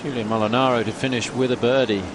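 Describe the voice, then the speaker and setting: A man's voice: medium pitch, steady tone, fast talker. A man commentating live on golf, following each putt with brief, approving remarks. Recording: loud crowd and outdoor noise. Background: crowd and outdoor ambience.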